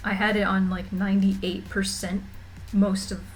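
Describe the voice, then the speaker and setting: A young woman talks casually to her stream from a room at home, rambling with plenty of fillers and restarts. She sounds a little queasy but keeps chatting. Her pitch sits in a middle range, with a faint hum of room noise behind her. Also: little pitch movement, unhurried. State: mildly nauseous. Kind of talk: casual livestream chat.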